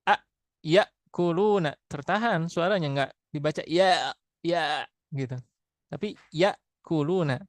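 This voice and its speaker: Male recitation teacher, slow and methodical, sounds out letters, dry close sound, voice a bit high. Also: no echo. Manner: slow, repetitive, demonstrates letter sounds aloud. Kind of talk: classroom tajwid lesson.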